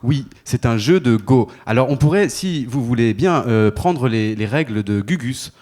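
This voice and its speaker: A man hosting a live stage show with formal, deadpan announcements that often turn half-sung. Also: medium pitch, normal speed. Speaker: host.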